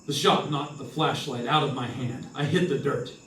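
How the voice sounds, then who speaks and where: A man whose mid-range voice sounds close to everyday speech plays a wry, hardboiled insurance investigator at a moderate pace, narrating in clipped old-time radio detective fashion. The live stage performance is dramatic, recorded echoey from a distant mic with background noise and music.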